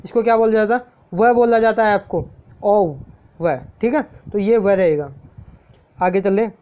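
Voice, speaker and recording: A man teaches a lesson in a warm, mellow voice and explains each point step by step. He patiently repeats every example word slowly. The recording is dull and lo-fi. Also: high voice, clear, resonant tone.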